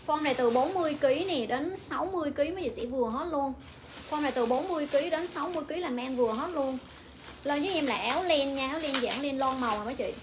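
High-voiced woman calling out prices. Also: noisy background. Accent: Vietnamese. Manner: repetitive, rapid-fire price calling. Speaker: livestream clothing seller. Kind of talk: livestream sales pitch.

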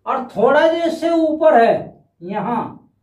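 A male teacher giving a patient classroom-style grammar lesson. He repeats his points, checks in after each step, and sounds out examples slowly. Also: very high-pitched, expressive. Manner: demonstrates sounds aloud slowly. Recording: echoey room, mic set at a distance.

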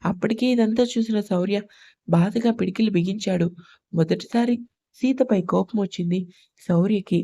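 Woman narrating a love story, mellow tone. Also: mid-range voice, normal speed, vocal fry. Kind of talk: scripted narration of a love story, all voices read alike.

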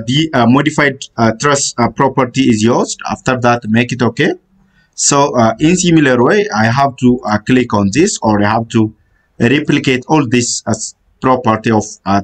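A man narrates a screen recording of a software tutorial, pitched in the medium range. He lays out the steps haltingly, with plenty of "uh" along the way.

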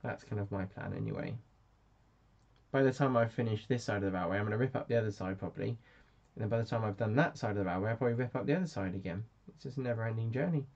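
A man's voice: fairly low pitch, quick pace, a little mellow. A man hosting a casual live stream, chatty and self-mocking as he answers viewers. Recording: dull lo-fi sound.

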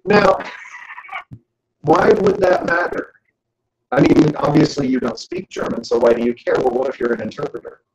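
A man giving a joking, animated lecture to an audience as a guest speaker. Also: on the high side, normal speed, vocal fry, pauses often, echoey room, poor audio. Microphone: camera.

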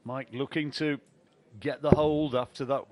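A man commentates live on darts in a middle-pitched voice. He follows the play in short observations and slips into light banter with a colleague. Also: steady tone, unhurried, darkish tone. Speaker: sports commentator.

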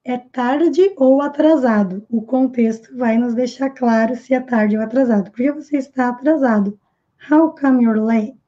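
A Brazilian Portuguese-accented woman teaching an English lesson, explaining phrases and repeating the English lines slowly before translating them. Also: high-pitched, mellow, dull audio. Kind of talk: language lesson.

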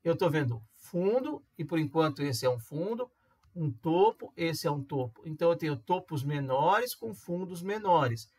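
A man with a Brazilian Portuguese accent gives a casual, chatty tutorial on reading charts as an amateur trader. He checks in with listeners using quick tags and acts out their questions. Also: a little high, lively intonation, slightly rough. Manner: acts out viewers' questions in a livelier voice. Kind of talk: casual screen-recorded tutorial.

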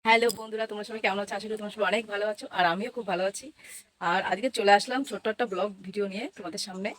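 A woman's voice: mid-range voice, steady tone, very fast, a bit bright. A woman hosting a casual family vlog, coaxing a small child in a sing-song way. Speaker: family vlogger.

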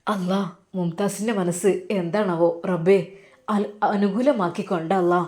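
A woman putting on a hushed, hesitant young man. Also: normal speed, natural voice. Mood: uneasy. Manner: low, quiet, hesitant. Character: young man, worried and uncertain.

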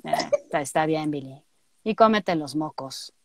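A woman voicing a deadpan, gloomy cartoon girl in a flat, low, dry voice. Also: normal speed, creaky, heavy background noise.

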